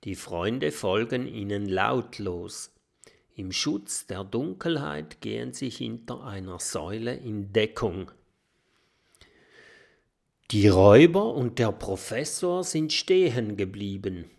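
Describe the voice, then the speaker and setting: A man reading a children's story aloud with expressive, storytelling delivery. His voice is gravelly and he takes his time over each line. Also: lowish voice, takes it slowly. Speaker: audiobook narrator.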